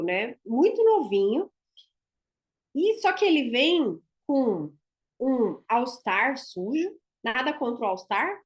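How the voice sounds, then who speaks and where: Chatty Brazilian woman teaching a class. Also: a little high. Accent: Brazilian Portuguese. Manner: chatty, emphatic, tags sentences with "né?". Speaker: instructor and dentist.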